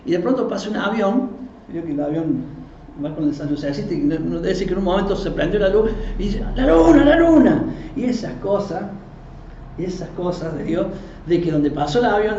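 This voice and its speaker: Animated pastor in an echoey hall. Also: male voice, sits high. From Argentina. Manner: conversational, animated, acts out quoted voices. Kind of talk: live Bible teaching. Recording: roomy, dull live recording with faint noise.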